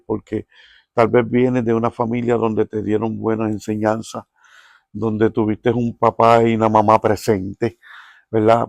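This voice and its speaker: A man's voice: mid-range voice, creaky, darkish tone, no echo. A man hosting a Spanish-language interview podcast, asking questions earnestly and often adding tag questions. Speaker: podcast host.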